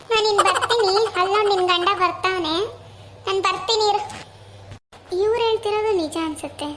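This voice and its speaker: A woman's voice: very high voice, fairly bright tone, a little hiss or hum. A woman voicing both a young wife and a meddling aunt in a comedy cartoon, chatty and gossipy by turns.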